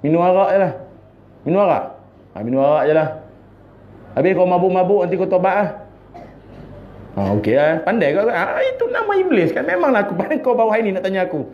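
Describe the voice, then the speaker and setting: High-voiced Malaysian preacher telling stories. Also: male voice, big pitch swings, quick pace, slight background noise. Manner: humorous storytelling, acts out voices, laughs often. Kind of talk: evening religious lecture. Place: mosque prayer hall. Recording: echoey dull lo-fi hall recording.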